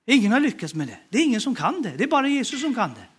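A man's voice: very high-pitched, huge pitch swings, slightly rough. A man with a Norwegian accent preaching a sermon, emphatic and urging the congregation to respond.

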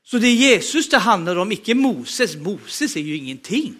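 A man's voice: high-pitched, big pitch swings, fairly bright tone. A man with a Norwegian accent preaching a sermon, emphatic and urging the congregation to respond.

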